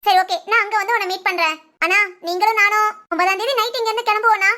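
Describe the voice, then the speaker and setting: In this spoken storybook tale, an earnest young woman pleads warmly with her adopted brother, as the narrator puts her on. Her voice sits high and bright, and she talks quickly. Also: fairly even intonation. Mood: pleading. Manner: pleading, affectionate, often addressing "anna". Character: young woman, grateful sister figure, earnest.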